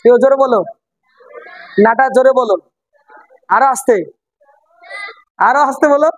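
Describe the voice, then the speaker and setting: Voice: high-pitched, fairly even intonation, normal speed, no echo, poor audio. An English teacher runs a classroom lesson, repeating phrases and quizzing the students. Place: classroom with a board.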